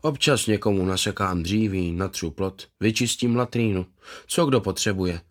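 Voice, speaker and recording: A man voicing a gentle, contented former footballer in his fifties, who talks eagerly and proudly about his past. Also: sits low, lightly acted. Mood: earnest. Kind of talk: voiced character in a read story.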